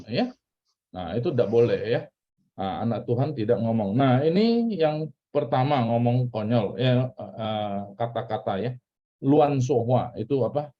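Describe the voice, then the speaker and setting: Speaking a little slowly in an animated, mid-range voice, a man with an Indonesian accent runs a casual church Bible class. He asks questions and repeats key words, and the audio is dull lo-fi.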